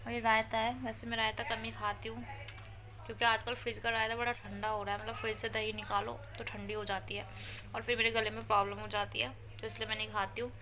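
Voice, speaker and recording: A woman's voice: fairly high pitch, sharp tone. A woman in her thirties chatting casually to viewers as a home vlogger and mother, playful with her children. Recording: noisy home recording.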